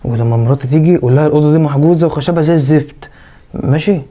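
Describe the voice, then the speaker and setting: A man's voice: fairly high pitch, very fast, dark tone. A young man with an Egyptian accent acting a hesitant, stammering husband in a comedy sketch. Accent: Egyptian Arabic.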